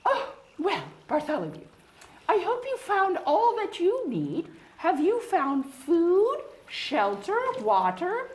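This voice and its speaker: In an echoey room with a faint hiss, a woman hosts a puppet-show tea party as a prim, kindly beaver lady in a children's educational show. Her extremely high pitch swoops wildly as she speaks slowly and sweetly, heavily acted and teacherly, adding gentle "oh"s to every line.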